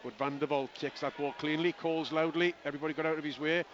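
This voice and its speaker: A man giving live play-by-play radio commentary on a rugby match, with rapid running calls and chatty asides to his co-commentator. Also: on the high side, fairly even intonation, a bit bright. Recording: lo-fi broadcast with outdoor crowd noise.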